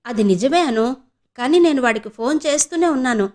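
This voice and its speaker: A woman voicing a calm, patient middle-aged husband who speaks mildly in an audio novel. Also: sits high, a little fast. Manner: mild, reassuring.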